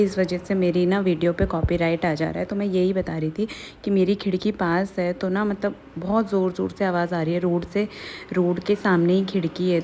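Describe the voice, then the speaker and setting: A young woman vlogging casually to the camera, chatty and exasperated, sometimes speeding up in quick bursts. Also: lowish voice. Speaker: family vlogger. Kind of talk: casual talk to the camera, explaining her clips. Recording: noisy recording with steady background noise.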